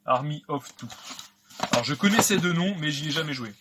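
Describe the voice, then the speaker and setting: A man's voice: fairly high pitch, lively intonation, a little fast, very noisy. A man casually talking through an unboxing of video games, chatty and hesitant with many fillers. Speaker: video game collector vlogger.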